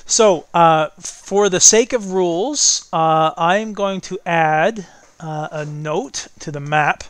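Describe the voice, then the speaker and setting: A man's voice: fairly high pitch, slow pace, a bit bright, clean tone, dry recording. A man working as game master, improvising narration for a tabletop game.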